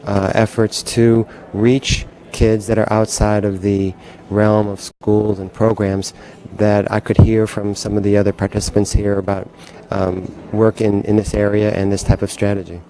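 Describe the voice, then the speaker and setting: A man speaking at a conference, giving a measured interview statement and searching for words. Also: on the low side, flat delivery, dark tone, slight background noise. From United States.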